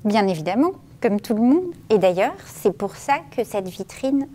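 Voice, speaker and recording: A woman guiding a children's museum tour, explaining clearly and kindly. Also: medium pitch, lively intonation, moderate pace, warm tone. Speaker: museum guide.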